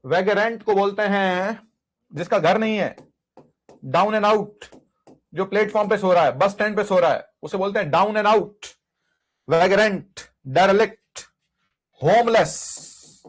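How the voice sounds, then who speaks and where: At a normal speed and with a voice that sits high, a male English teacher works through exam vocabulary. He has students drill word lists by repetition while he asks and answers his own questions.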